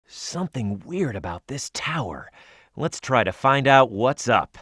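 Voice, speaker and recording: A man's voice: medium pitch, sing-song, measured pace, fairly bright tone, breathy edge, dry recording, studio quality, exaggerated voice. A man voicing a tough, hot-headed young echidna fighter in a video game, confident and punchy. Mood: wary, puzzled. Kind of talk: scripted video game character voice acting.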